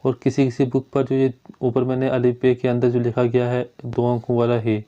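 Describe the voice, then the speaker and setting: Man, grammar lesson teacher, monotone delivery, repeats points, muffled lo-fi sound. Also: mid-range voice. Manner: explains step by step, repeats points. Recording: dull lo-fi recording.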